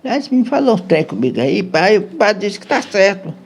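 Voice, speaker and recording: A Brazilian man tells a personal story at an unhurried pace as a podcast guest. His voice is gravelly and husky. His pitch moves in lively swings. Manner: unhurried, tags lines with "né". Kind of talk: casual storytelling chat.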